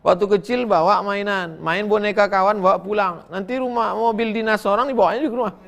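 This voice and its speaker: A middle-aged man preaching, reading listeners' questions and answering them in a folksy, joking way, his voice swinging between high and low as he acts out quotes. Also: brisk, vocal fry. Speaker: Islamic preacher. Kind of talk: sermon answering read-out questions.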